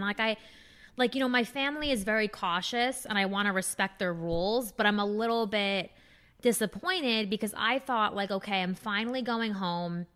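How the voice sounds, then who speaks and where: A woman's voice: medium pitch, a bit bright, smooth. A young woman co-hosting a podcast, chatting candidly and laughing often, with lots of fillers. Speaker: podcast co-host. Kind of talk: casual podcast chat.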